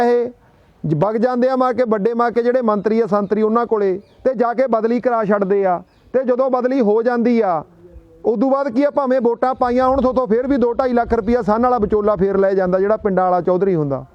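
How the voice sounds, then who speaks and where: High-voiced Punjabi man, dry dull sound. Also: dry recording. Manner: rhetorical questions, folksy storytelling. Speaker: public speaker. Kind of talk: speech to a gathering.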